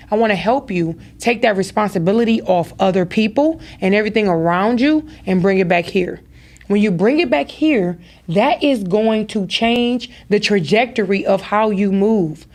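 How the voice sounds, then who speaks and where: A woman and mother hosting a podcast, giving a motivational talk straight to her listeners with emphatic repeated phrases. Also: medium pitch. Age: adult with daughters. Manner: speaks to listeners directly, preacher-like. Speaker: podcast host.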